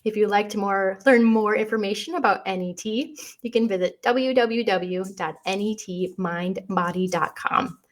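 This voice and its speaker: A woman's voice: medium pitch, normal speed. A woman in her thirties hosting a podcast, telling a personal family story in an earnest, emotional way that turns tearful at times. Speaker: podcast host.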